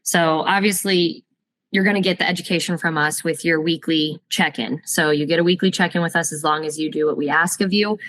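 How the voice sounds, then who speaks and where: Direct lower-voiced female fitness coach. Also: fairly even intonation, a little fast, fairly bright tone, no echo. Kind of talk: casual podcast conversation.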